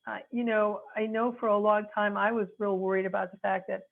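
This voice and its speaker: Over a tinny, phone-like line, a woman in her sixties from North Chicago gives reflective advice. She's a Midwestern attorney, earnest and frank, who searches for her words. Her medium-pitched voice is gravelly, level in tone, and brisk.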